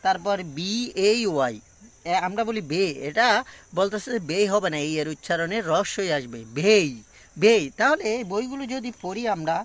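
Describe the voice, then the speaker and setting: A man giving a casual pronunciation lesson on a phone front camera, talking slowly and repeating each word with many fillers. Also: sits high, expressive. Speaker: English pronunciation teacher. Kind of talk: casual self-recorded lesson.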